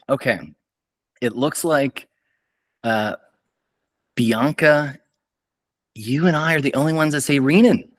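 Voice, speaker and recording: A man's voice: mid-range voice, a bit bright. A man moderating an online journal club over a video call, chatty and upbeat, with many fillers and restarts. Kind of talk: casual online meeting chat.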